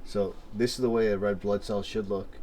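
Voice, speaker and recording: A man's voice: on the low side, fairly even intonation, normal speed, mellow, slight background noise. A male dentist explaining things in his office, emphatic and often checking in with "right?". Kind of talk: casual explanatory conversation. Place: dental office.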